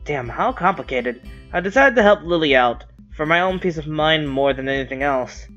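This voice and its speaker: A man's voice: on the high side, expressive, moderate pace, a bit bright, highs cut off, faint music behind. A man reading a visual novel aloud as a streamer, casual and conversational, cursing at his slips and rereading lines.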